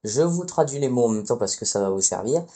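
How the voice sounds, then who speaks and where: A man's voice: mid-range voice, lively intonation, fast talker, dark tone. A man giving a casual spoken lesson as a teacher, hesitant and often correcting himself mid-phrase. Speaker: Latin teacher.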